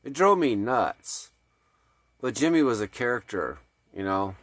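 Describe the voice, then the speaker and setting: A man tells a story in a loose, rambling way and swears freely. His voice sits at a middling pitch. The recording is dry and close. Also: very animated, measured pace, a bit bright, no echo. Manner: profane, laid-back, rambling. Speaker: off-grid vlogger. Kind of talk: casual storytelling.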